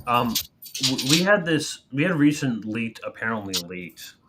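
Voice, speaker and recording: A man co-hosting a podcast, chatting about politics in an animated, wry way. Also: medium pitch, unhurried, background noise. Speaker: podcast co-host. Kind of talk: casual political talk.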